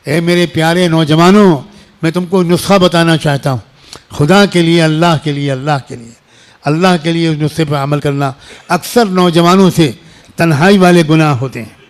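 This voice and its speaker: Male preacher, middle-aged, somewhat high pitch; emotional, repetitive, pleading sermon delivery. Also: fairly even intonation. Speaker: Islamic preacher. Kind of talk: emotional sermon to young people.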